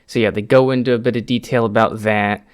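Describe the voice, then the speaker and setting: A man's voice: lowish voice, steady tone, a little fast, clean tone. A man giving an unscripted, conversational news update as a video host, rambling a little, his speech slightly slurred and stiff-mouthed after dental surgery.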